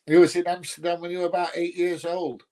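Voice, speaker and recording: Hosting a livestream, this Nottinghamshire man replies to live comments in a high, flat, warm voice, talking fast. His accent sounds nearly Yorkshire, and his casual chat is blunt, colloquial and drily grumbling.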